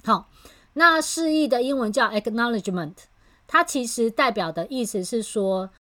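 A woman's voice: a little high, normal speed. Woman explaining communication skills. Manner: animated storyteller who explains patiently. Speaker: communication trainer and podcast host. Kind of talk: casual explanatory chat.

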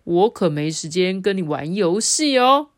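A woman voicing a busy father who calls out in drawn-out, brisk lines in a storybook read-aloud. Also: on the low side, big pitch swings, dry recording, studio quality.

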